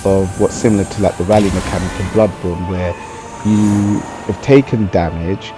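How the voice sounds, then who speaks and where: A man with a low voice talks through gameplay in a casual, explanatory style. He chats conversationally as he breaks things down, with music playing clearly behind him. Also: moderate pace. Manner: explanatory and conversational, often tagging on "you know". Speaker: gaming video commentator. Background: music under the voice.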